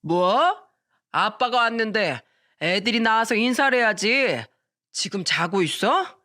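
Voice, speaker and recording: A woman voicing a drunk, bossy middle-aged husband and father who scolds loudly with slurred words. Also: on the high side, animated, measured pace. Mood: drunken scolding.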